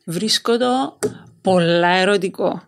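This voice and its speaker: Woman interviewer with a Greek Cypriot accent. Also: mid-range voice. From Cyprus. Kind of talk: casual conversational interview.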